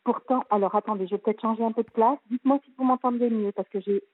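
A woman's voice: a little high, fairly even intonation, quick pace, slightly rough. A woman in her fifties calling a radio advice show, earnest and hesitant, her voice sounding hollow as if talking through a tube on a tinny phone line. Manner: earnest, hesitant, many fillers. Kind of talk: call-in advice talk.

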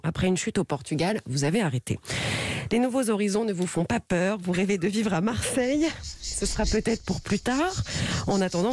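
A woman's voice: mid-range voice, a little mellow. A woman on radio reading a scripted, playful portrait of the guest in a studio. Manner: playful, breaks into giggles. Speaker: radio columnist.

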